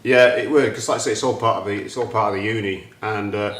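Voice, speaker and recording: A man, hosting a casual chat and talking about his plans in an animated, excitable way. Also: lowish voice, quick pace, roomy sound. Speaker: host.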